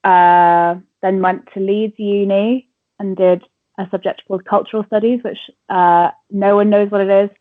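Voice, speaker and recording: Over a tinny phone line, this radio presenter and entertainment reporter in her twenties, from Wales with an English accent, answers interview questions in a casual, chatty way, laughing and using lots of fillers. She speaks at a moderate pace in a mid-range voice with fairly even intonation, and the recording is dry.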